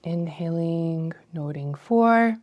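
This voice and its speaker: A female meditation guide with a slightly low register slowly counts breaths in short, measured phrases separated by pauses. The high frequencies of the recording are cut off.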